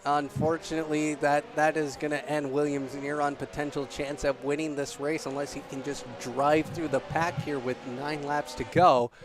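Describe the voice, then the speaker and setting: A man giving live motorsport commentary as a race broadcaster, his delivery excitable and following the action. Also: on the high side, moderate pace, few pauses. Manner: excitable, voice rising with the on-track action. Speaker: motorsport commentator in an online sim racing broadcast.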